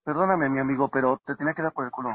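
Husky-voiced Mexican man joking over a game. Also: mid-range voice, very fast, phone-quality sound. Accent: Mexican Spanish. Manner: joking, mock-solemn speeches. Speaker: gamer with friends. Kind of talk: casual gaming banter.

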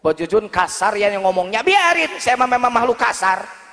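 A man preaching a lively, joking sermon at a live gathering, often shouting. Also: high voice, brisk, a faint crowd. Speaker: Islamic preacher. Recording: long hall reverb.

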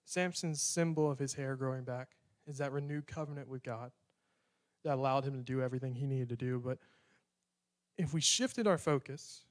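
A man preaching a conversational sermon, earnest and direct, acting out short prayers as he goes. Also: mid-range voice.

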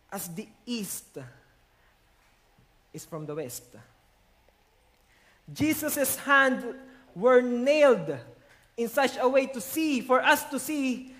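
An extremely high-pitched man with a fairly bright tone and a Filipino accent gives a sermon to a congregation. His speech mixes Tagalog and English, and he slows down to emphasize the verses.

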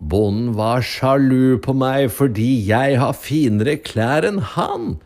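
A man voicing a vain, pompous rich man in a storybook radio play, shouting his protests in a strained voice. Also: medium pitch, lively intonation, voice pushed up, close to an everyday voice. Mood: smug.

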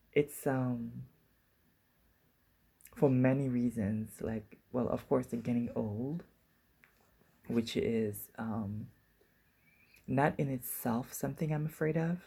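A woman's voice: rumbling low, warm tone, breathy edge. A woman in her forties hosting a solo podcast in a casual, musing way, often circling back and restarting her thoughts. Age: 40s. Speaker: podcast host.

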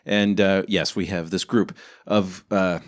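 A man's voice: low-pitched, steady tone, measured pace. A man from the American Midwest, a podcast co-host, chatting casually and joking. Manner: joking and teasing. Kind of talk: casual conversation.

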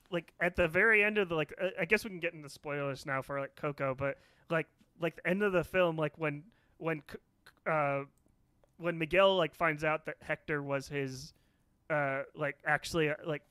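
A man with a high, bright, smooth voice chats about a film, tripping over himself with constant fillers as his excitement runs ahead of his words. The sound is dry and close, with no room around it. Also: moderate pace, no echo. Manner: rambling, heavy use of filler "like"; excitable, emotional about films. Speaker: podcast co-host. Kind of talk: casual film discussion.

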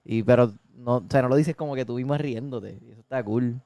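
A man's voice: medium pitch, a little fast, warm tone, no room sound. A man, co-hosting a casual film chat, playful and teasing, reading out viewer comments and dropping English words. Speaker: podcast co-host.

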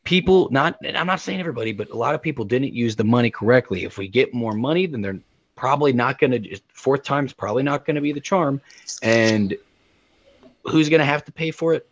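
A man's voice: mid-range voice, lively intonation, fairly quick, muffled recording. A man co-hosting a talk show, ranting heatedly and repeating words for emphasis. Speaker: podcast co-host.

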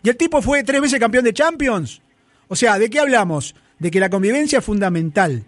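A man's voice: high voice, lively intonation, fairly quick, no room sound. A man with an Argentine accent, a sports radio commentator who repeats his points in an emphatic, lecturing way during a heated studio debate. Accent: Argentine Spanish.

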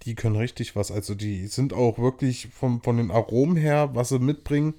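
A man's voice: medium pitch, steady tone, fairly quick, warm tone. Co-host, male, from Berlin; easygoing, agreeable, short replies, middle voice. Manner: agreeable, short affirmations, laughs often. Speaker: podcast co-host. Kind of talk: casual chat.

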